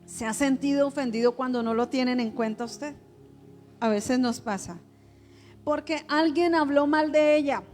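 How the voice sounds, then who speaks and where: A woman's voice: high voice, moderate pace, a little mellow, soft background music. A woman pastor, preaching a sermon in a conversational way, with rhetorical questions to the congregation.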